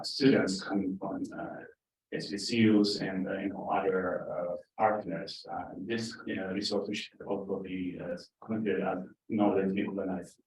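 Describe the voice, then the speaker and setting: A man's voice: sits low, darkish tone. A man from Ethiopia making remarks at a forum, hesitant and full of fillers. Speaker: forum contributor. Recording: echoey hall, speaker far from mic.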